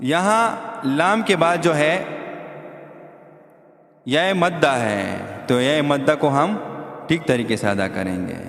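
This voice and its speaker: A man teaching Quran recitation who explains letter sounds and chants the verses slowly. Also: on the high side, animated, a bit bright. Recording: echoey hall with faint music.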